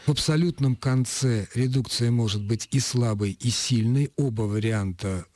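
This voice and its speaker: A man in a studio explains speech rules like a patient lecturer, precise and orderly with a dry wit. His voice sits at an ordinary middle pitch. The sound is close and dry, with no room echo. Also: normal speed, darkish tone. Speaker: linguistics expert guest. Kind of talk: radio talk, explaining pronunciation rules.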